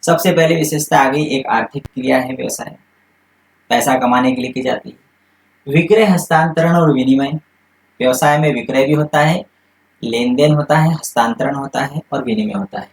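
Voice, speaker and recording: A man's voice: medium pitch, moderate pace, echoey room, poor audio. A man teaching a commerce lesson in Hindi, explaining step by step and posing questions that he answers himself. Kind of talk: classroom lecture.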